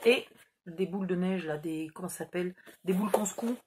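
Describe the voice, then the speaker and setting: A woman's voice: fairly low pitch, brisk, noisy background. A middle-aged woman chatting casually through a scrapbooking haul, rambling and mocking herself as she loses track. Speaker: scrapbooking YouTuber. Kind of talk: casual haul video chat.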